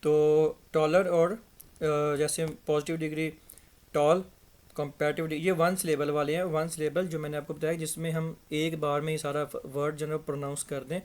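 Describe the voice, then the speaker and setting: A young man teaching an English grammar lesson in a casual, chatty way, slowly repeating words to show their pronunciation. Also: on the high side, little pitch movement, a little mellow.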